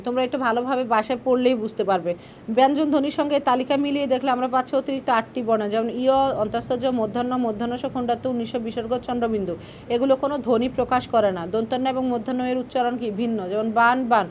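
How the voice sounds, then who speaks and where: A woman's voice: a little high, fairly even intonation, racing, darkish tone, slight background noise. A woman teaching an online grammar class, asking questions and answering them herself, patient and repeating key points.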